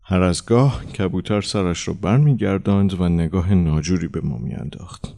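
A man narrating a translated short story in an expressive, dramatic audiobook style. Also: low voice, creaky. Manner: expressive, shouting the quoted lines.

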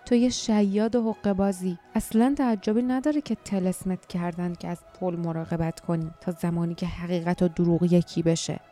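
A woman voicing a brave young man in danger, speaking in a high, urgent and pleading voice. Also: mellow, faint music behind, natural voice. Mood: defiant. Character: desperate brave young male hero.

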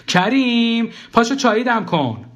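A man voicing a bossy, chattering woman, a wife and mother, who scolds and fires off questions in a shrill voice. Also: dull audio, natural voice. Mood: scolding.

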